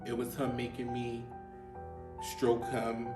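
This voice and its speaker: Male host, personal storyteller, halting and repetitive, mic set back in a roomy space with faint music underneath. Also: medium pitch, monotone, recorded from a distance. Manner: halting, repeats himself, many "like" fillers.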